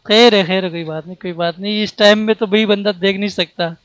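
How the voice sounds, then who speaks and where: A man streaming a game with friends, chatting casually and calling out to his teammates with excitement. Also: high voice, brisk, no room sound. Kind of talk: casual gameplay chat.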